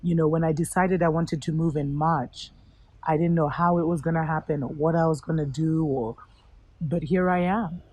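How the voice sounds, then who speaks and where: Husky woman hosting a spiritual vlog. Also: low voice, fairly even intonation, dry recording. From Kenya. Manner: earnest, unhurried and encouraging, with soft asides. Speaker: host.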